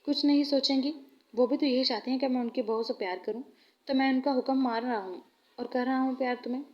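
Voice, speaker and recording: A domineering young husband, mocking and bossy, voiced by a woman in her own fairly high voice. The sound is dull and lo-fi. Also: quick pace, lightly acted. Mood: teasing. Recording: muffled lo-fi recording.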